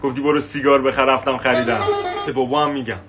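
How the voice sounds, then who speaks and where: A man's voice: mid-range voice, fairly even intonation. A man playing a cheeky younger brother who talks back in a comedy sketch. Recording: music playing underneath.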